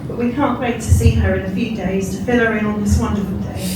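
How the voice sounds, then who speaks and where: A man's voice: sits high, steady tone, fast. A man gives a heartfelt, sentimental wedding toast as the groom. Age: 40s. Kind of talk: wedding toast, speech of thanks. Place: indoor wedding reception room. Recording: echoey noisy room, recorded from far off.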